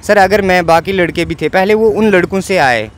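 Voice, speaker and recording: A man's voice: sits high, moderate pace. A young man with a Kashmiri accent, earnestly recounting in an interview how he was beaten, pleading and repeating himself. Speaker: interviewee, assault victim. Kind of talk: emotional eyewitness account. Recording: outdoor street noise behind.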